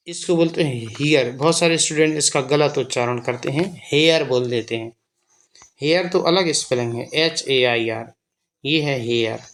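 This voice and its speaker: A man's voice: a little high, a bit bright. A man teaching beginners to read English words in a Hindi accent, spelling each word letter by letter and repeating its meaning. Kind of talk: slow spelling and reading lesson.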